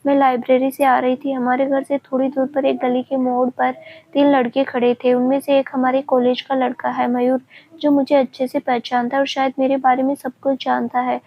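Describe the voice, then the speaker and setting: A woman's voice: high voice, completely flat delivery, moderate pace, slight background noise. A woman voicing a frightened, tearful young daughter who pleads with her mother. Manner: fearful, pleading. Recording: dull lo-fi recording.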